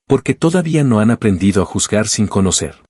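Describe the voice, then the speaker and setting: A man voicing a calm, dignified young woman stranger in a spoken story. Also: fairly low pitch, a little fast, husky, no room sound, clean studio sound. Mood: calm firm. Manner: calm, firm.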